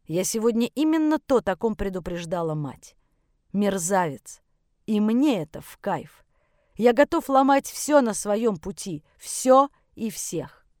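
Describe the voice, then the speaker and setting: A woman's voice: mid-range voice, very animated, unhurried, darkish tone, no echo, clean studio sound. A woman narrating a tense first-person audiobook chapter.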